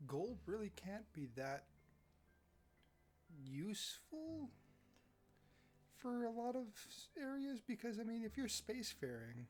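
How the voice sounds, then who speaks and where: A man co-hosting a game session with casual banter and deadpan, joking asides. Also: sits high, a little slow, pauses often, faint music behind. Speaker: video game co-host.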